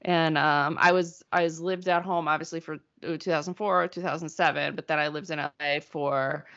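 Woman from Massachusetts, fairly low voice, chatty podcast co-host, dull lo-fi sound. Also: fairly even intonation, moderate pace, a bit bright. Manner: chatty, lots of fillers, laughs often. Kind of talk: casual podcast chat.

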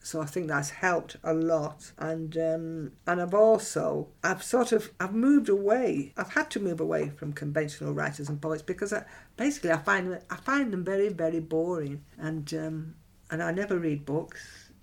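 Creaky-voiced blunt woman poet. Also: low-pitched, normal speed. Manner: blunt, chatty, frequent restarts and self-corrections; animated, laughs often. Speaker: writer and performance poet. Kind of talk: candid personal monologue.

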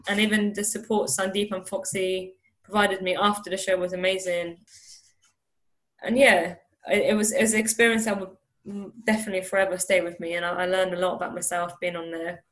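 A woman's voice: fairly low pitch, little pitch movement, a little fast, a bit bright. Woman interview guest, casual storytelling, rambling, quoting others with "I was like". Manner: rambling, acts out quotes with "I was like".

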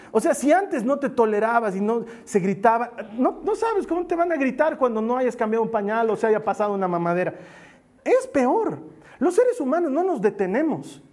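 A male pastor delivers a sermon in an emphatic, animated voice that sits high for a man. He turns playful at times and drops to a quiet plea when he presses a point. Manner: animated, emphatic, often playful with acted asides; drops to soft pleading at key points.

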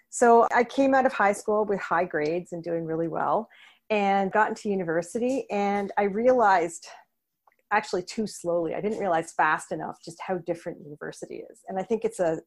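A woman in her thirties from Canada, an associate professor talking steadily and thoughtfully as a podcast guest. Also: medium pitch. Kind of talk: conversational interview.

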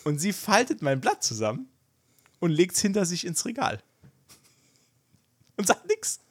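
Animated storytelling young man, dry sound. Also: high-pitched, moderate pace, breathy edge, no room sound. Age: young adult. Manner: animated storyteller acting out dialogue. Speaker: podcast co-host. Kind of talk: casual chat.

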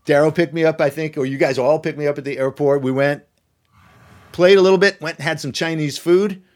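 Middle-aged guy telling a story, kinda high voice, animated, chatty. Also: a little fast. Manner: animated, laughs often, mimics voices in quotes. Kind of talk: casual storytelling chat.

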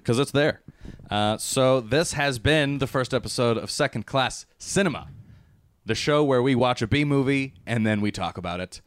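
A man's voice: mid-range voice, moderate pace, smooth, no room sound. A man hosting a podcast, chatting casually and laughing often. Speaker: podcast host. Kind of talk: casual chat.

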